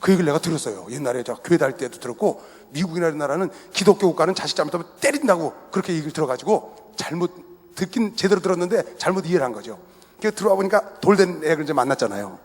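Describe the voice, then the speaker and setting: A middle-aged male pastor telling a personal story in a sermon, acting out family dialogue in an animated way in a large indoor arena. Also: a little high, fast, breathy edge. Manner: animated storyteller who acts out family dialogue and laughs at himself. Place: large indoor sports arena used for worship. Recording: echoey arena hall.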